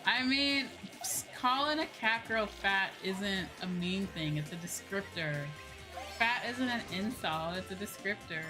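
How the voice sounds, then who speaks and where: A VTuber livestreamer chats casually while gaming, her medium-pitched voice lively in intonation and unhurried. She rambles, drifts into asides, and swears freely, with music playing behind her.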